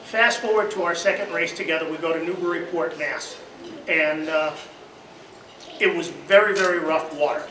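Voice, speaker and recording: A man's voice: a little high, moderate pace, noisy background. A man giving a remembrance at a memorial service, telling stories with many fillers. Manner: storytelling with many fillers, grows loud in the boat tales. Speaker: eulogy speaker. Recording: roomy hall recording from a distance.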